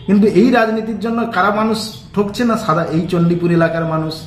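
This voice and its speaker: A man's voice: high voice, fast, a little hiss or hum. A man with a West Bengal Bengali accent making an emphatic, rhetorical political statement to the press. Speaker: local politician. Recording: echoey room with faint music.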